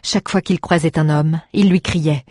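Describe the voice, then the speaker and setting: A husky, slightly breathy narrator reads an adventure story with a steady, dramatic pace. The sound is dry and close, with no room around it. Scripted storybook reading. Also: medium pitch, moderate pace, no echo. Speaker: audiobook narrator.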